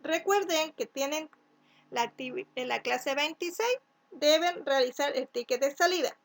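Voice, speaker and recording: A woman from Chile teaching a first-grade class, speaking slowly and clearly, sounding out letters and syllables and often checking with "¿cierto?". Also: high-pitched. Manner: asks "¿cierto?" to check along. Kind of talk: recorded remote class instructions.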